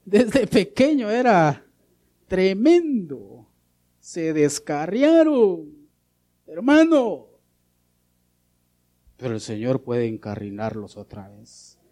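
Man, pastor, sermon, fairly high pitch, warm tone, loud-soft swings, rhetorical questions. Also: huge pitch swings, takes it slowly, long pauses. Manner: calls listeners brother.

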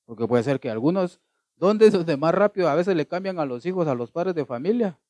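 A man preaching a sermon, animated, often asking the congregation rhetorical questions. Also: a little high, brisk, dry recording. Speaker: pastor.

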